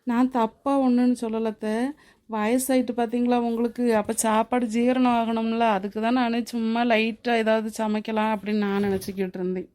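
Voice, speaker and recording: A woman voicing a sharp-tongued young daughter-in-law in a cartoon who mutters sarcastic asides. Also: on the high side, little pitch movement, a little fast, close to an everyday voice.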